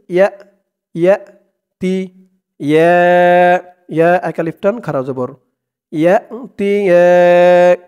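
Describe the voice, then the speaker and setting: High-voiced man teaching Quran recitation. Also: darkish tone, smooth, muffled recording. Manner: breaks words into syllables, drawn-out chanted recitation. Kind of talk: step-by-step recitation lesson.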